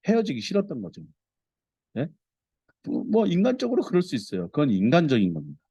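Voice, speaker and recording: A male pastor delivering a sermon in an earnest, expressive way, his voice swinging lively up and down. The tone is warm and mellow and fairly high for a man. The sound is dry and a bit dull, like a lo-fi recording. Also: fairly quick, breathy edge, no room sound. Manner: earnest, expressive preaching with dramatic scripture reading.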